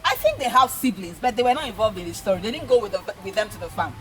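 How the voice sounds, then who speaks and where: In a very fast, sing-song delivery at medium pitch, a Nigerian-accented woman shares folktales with children, repeating things and asking questions the way a teacher would. The audio quality is poor.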